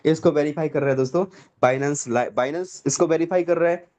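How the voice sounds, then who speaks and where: A man's voice: fairly high pitch, moderate pace, darkish tone. A man hosting a network marketing session on a video call, preaching and emphatic, often calling his listeners friends. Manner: preachy and emphatic, repeats "dosto". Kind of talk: motivational pitch on a video call.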